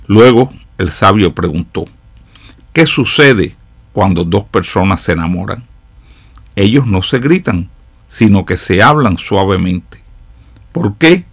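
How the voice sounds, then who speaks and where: A man with a fairly low voice offers a reflective commentary to radio listeners, telling his story at an unhurried, measured pace like a parable read aloud. He also sounds animated.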